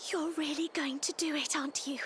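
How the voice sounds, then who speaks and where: A woman's voice: sits high, fairly even intonation, fairly bright tone, slight background noise. A woman playing a pleading young heroine. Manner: pleading, earnest and slow. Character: young woman begging a dark prince to stop.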